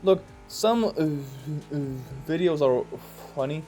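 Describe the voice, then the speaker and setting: A young man in a vlog rant, fed up and agitated, stumbling over his words with heavy stuttering. His voice sits a little high for a man, and he drags his words out slowly. Faint music plays under him. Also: animated, warm tone. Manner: heavy stuttering with repeated sounds. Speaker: vlogger. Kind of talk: ranting commentary.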